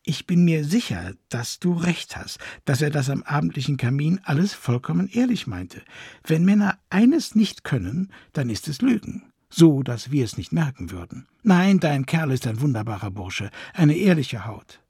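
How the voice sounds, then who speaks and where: A sweet, naive young noblewoman speaks in a fluting, cheerful manner, as a male reader puts her on. The voice underneath is gravelly and dry, recorded close. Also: fairly high pitch, sing-song, moderate pace, darkish tone, dry recording, full character voice. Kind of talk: audiobook character voice.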